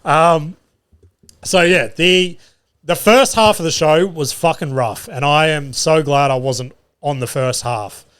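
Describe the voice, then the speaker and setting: In a studio, a young man hosts his own podcast, telling stories from his comedy gigs in a loose, sweary style and laughing at his own jokes. His voice is slightly high and fairly bright, he takes his time, and the sound is clean.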